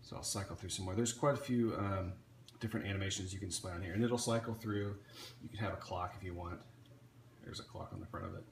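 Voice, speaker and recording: A man's voice: low voice, expressive, fast. Casual man demoing gear in an echoey room. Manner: rambling, many restarts and fillers. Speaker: hobbyist showing an electronics kit. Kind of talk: casual off-the-cuff demo. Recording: echoey room with faint ambient noise.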